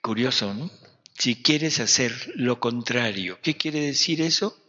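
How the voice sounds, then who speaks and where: At a retreat, a man preaches a sermon in a conversational, joking style, frequently quizzing his listeners. His medium-pitched voice is expressive, unhurried and sharp in tone, though the recording is dull and set in a reverberant hall.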